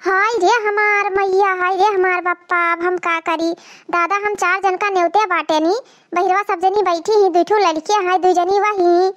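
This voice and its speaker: A woman voicing a scolding old village mother-in-law in a cartoon comedy, speaking with an Awadhi accent in a loud, nagging, complaining way. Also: very high-pitched, fairly even intonation, moderate pace, muffled recording.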